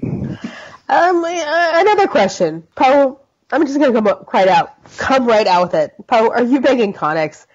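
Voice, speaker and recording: A woman's voice: on the high side, lively intonation, measured pace, husky. Blunt woman interviewer, slightly muffled. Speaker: panel questioner. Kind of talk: casual comic mock interview.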